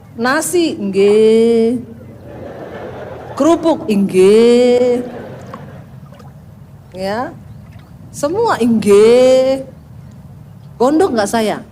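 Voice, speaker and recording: A woman preacher voicing her boastful, demanding husband in a lowered, smug voice. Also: mellow, slight background noise.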